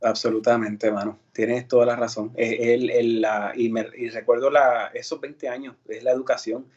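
A man's voice: medium pitch, flat delivery, moderate pace, darkish tone, breathy edge, dull audio. A Puerto Rican man, an actor and singer, telling his story in a casual interview with many fillers and restarts. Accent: Puerto Rican Spanish. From Puerto Rico.

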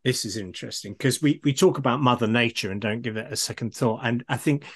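A man's voice: medium pitch, quick pace, fairly bright tone. A man interviewing in a conversational way, musing tentatively and restating his thoughts as he goes.

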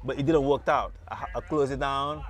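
A market booth owner from Senegal tells his story in a casual street interview at an outdoor beach market, rambling, repeating words and saying "you know" a lot. His voice is medium-pitched and brisk, with fairly even intonation.

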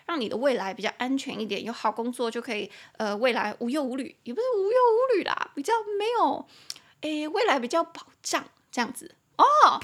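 A young woman with a Taiwanese Mandarin accent hosts a casual podcast lesson on English words. Her voice sits a little high and sounds bright and forceful. She spells terms out slowly and drops in chatty asides. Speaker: podcast host teaching English.

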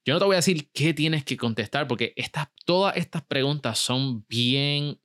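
Energetic male podcast host. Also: medium pitch, moderate pace. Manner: energetic, mixes English words into Spanish. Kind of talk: motivational podcast monologue.

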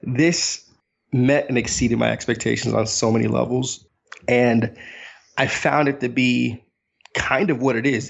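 A man's voice: medium pitch, creaky, lo-fi sound. A man co-hosting a film review podcast, talking in an enthusiastic, rambling way and laughing easily. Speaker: podcast co-host.

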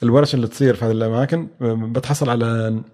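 Fast-talking man, mellow voice. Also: mid-range voice, fairly even intonation. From Oman. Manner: fast, hesitant, many fillers and restarts. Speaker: guest, venture capital expert. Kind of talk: conversational interview answers.

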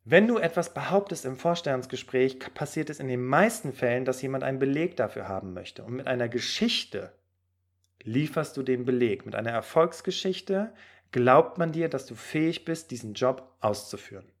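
A man hosting a podcast as a career coach, giving job-interview advice in a lively, direct way with fillers. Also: mid-range voice, moderate pace.

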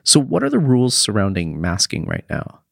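Gravelly-voiced man hosting a news podcast. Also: lowish voice, wildly swooping pitch, moderate pace, fairly bright tone, no echo, studio quality. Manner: asks short, plain questions. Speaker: podcast host.

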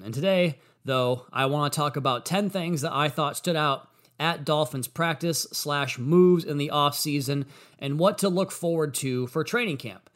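An American man hosting a sports podcast, talking in a monologue. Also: on the high side.

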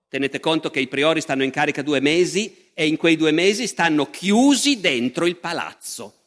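A man gives a public history lecture in an animated, conversational manner and often speaks straight to the audience. His voice sits high and bright. A long reverb from a large lecture hall follows his words.

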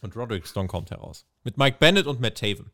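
A man's voice: mid-range voice, animated, fast talker, fairly bright tone. A man hosting a casual wrestling review, recapping and joking and acting out quotes in put-on voices. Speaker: host.

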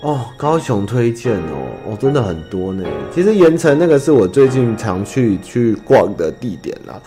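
A man's voice: medium pitch, big pitch swings, normal speed, warm tone, faint music behind. A man with a Taiwanese Mandarin accent hosts a casual podcast, answering listener letters as a rambling, self-mocking storyteller. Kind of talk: casual chat.

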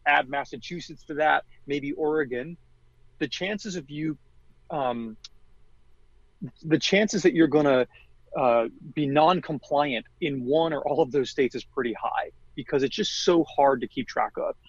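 A man's voice: on the high side, measured pace, no room sound, muffled recording. A man being interviewed as a marketing executive, talking in a conversational way with many fillers and restarts.

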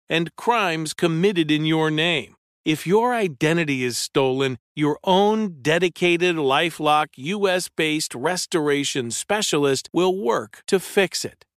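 A man reading a scripted ad in a measured, earnest way. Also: fairly high pitch, fairly bright tone, dry recording, studio quality. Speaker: ad announcer. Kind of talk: scripted ad read.

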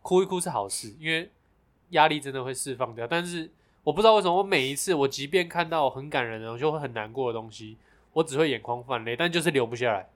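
A man's voice: medium pitch, expressive, quick pace. A young man, co-hosting a casual podcast chat, teasing and chatty. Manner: teasing, chatty, laughs often. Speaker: podcast co-host.

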